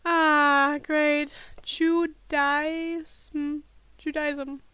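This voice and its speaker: Working unhurriedly through a text, a high-voiced woman rehearses a podfic reading in an informal way, checking how words are pronounced. Her tone is sharp and her pitch barely moves as she mutters, stops, and starts over. It's recorded close and dry, without any room sound.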